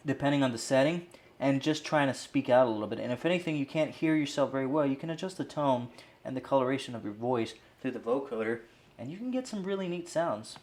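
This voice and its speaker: Speaking fast with lively intonation, a man casually demos and reviews guitar gear, explaining as he goes. His voice is mid-range and a little mellow, and the audio carries roomy echo plus noticeable background noise.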